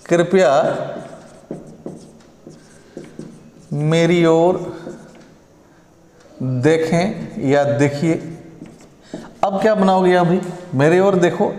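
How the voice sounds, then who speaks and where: A male teacher lectures in a high, measured voice, dwelling on each example sentence. He keeps pausing to ask whether his students have understood. The recording carries a roomy echo with a long reverb tail. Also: a little mellow. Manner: explains slowly, drawing out example sentences; checks understanding with repeated questions. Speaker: English teacher. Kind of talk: online lecture. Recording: echoey room with long reverb.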